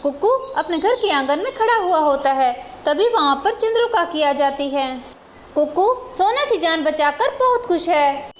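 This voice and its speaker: High-voiced woman narrating a storybook. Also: moderate pace, a little hiss or hum. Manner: steady, simple narration.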